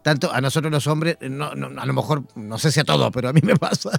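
A man with a Chilean accent chatting casually, repeating himself often and filling pauses with "eh". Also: medium pitch, vocal fry, no room sound, soft background music. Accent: Chilean Spanish. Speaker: conversation partner. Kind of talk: casual conversation.

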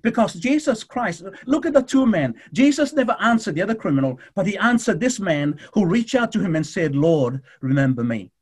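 Husky, high-voiced male preacher. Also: expressive. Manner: fervent, with shifting pace and dramatic pauses; addresses the congregation directly. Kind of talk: sermon.

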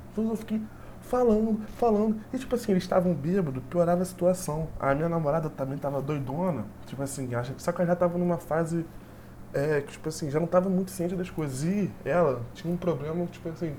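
Fast-talking man. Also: a little high, mellow, slight background noise. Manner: rambling, repetitive, full of "tipo assim" fillers. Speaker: storyteller. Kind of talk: casual personal storytelling.

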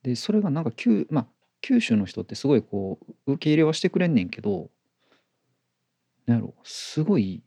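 A man's voice: medium pitch, very animated, a little fast, mellow, slightly rough, dry recording. A man with a Kansai accent that mixes Kyoto and Kobe speech, chatting casually as a co-host and often repeating short agreeing words. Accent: Kansai, mixing Kyoto and Kobe. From Kansai, Japan. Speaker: podcast co-host. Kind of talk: casual chat.

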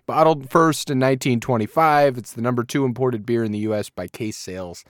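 A man's voice: mid-range voice, a little fast, dry recording, studio quality. A man with a Wisconsin accent chatting casually and a bit crudely as a podcast co-host reviewing beer, in a rambling way.

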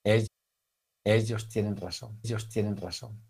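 A man's voice: lowish voice, steady tone, a little slow, gravelly, a little mellow, slightly rough. A man telling a story as a preacher, repeating each phrase with sudden emphatic bursts. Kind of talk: storytelling sermon.

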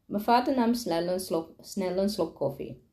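A woman reads a children's novel aloud in a mellow, warm voice at a middling pitch. She stumbles often, breaking off words and starting them again. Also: animated, unhurried. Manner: stumbling reading with frequent restarts.

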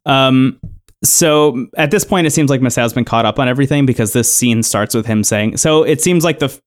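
Podcast co-host, male, casual recapper, mid-pitched, rambling, filler-heavy delivery. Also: a little fast. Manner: relaxed storytelling, many "like" and "um" fillers. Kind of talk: casual chat.

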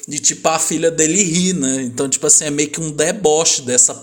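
Brief: slightly high-voiced male co-host, loose rambling fan talk, slangy and excitable. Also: brisk. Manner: rambling, enthusiastic, full of slang fillers. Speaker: podcast co-host reviewing an album. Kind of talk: casual chat.

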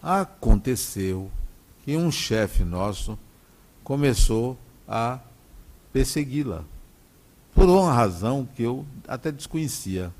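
A middle-aged Brazilian man speaks with a Brazilian Portuguese accent, delivering an inspirational spiritual talk. His pitch swings widely as he shifts between storytelling and reflection, and he keeps checking in with his listeners. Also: very animated, slow, a little mellow. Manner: conversational, often asks "né?" to the audience. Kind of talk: inspirational talk with personal stories.

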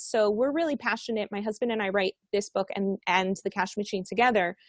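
A woman's voice: mid-range voice, dry recording, clean studio sound. A woman in her forties from Colombia, a guest author talking casually and with enthusiasm in an interview. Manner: upbeat, enthusiastic.

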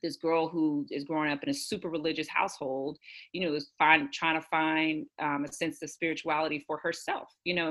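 A woman's voice: sits low, bright, forceful tone. An American woman from Houston, a novelist guest, talking reflectively in a casual interview, often circling back with "you know" and "it's like". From Houston, USA.

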